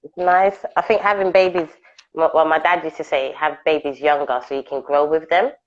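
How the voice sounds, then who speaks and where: A woman's voice: deep voice, steady tone, brisk, muffled recording. A woman, hosting a chatty interview over a video call, laughing often. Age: 30s. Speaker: interview host.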